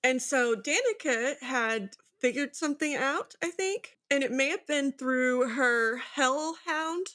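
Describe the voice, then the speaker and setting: A woman co-hosts a casual book discussion, speculating aloud and often checking that the listener is following. Her high, bright voice is animated and forceful, slow but with few pauses.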